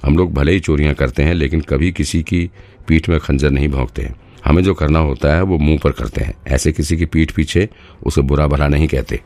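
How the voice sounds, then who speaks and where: A man's voice: very deep voice, brisk, a little mellow. A cheeky young woman thief, as a man reads her. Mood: reproachful.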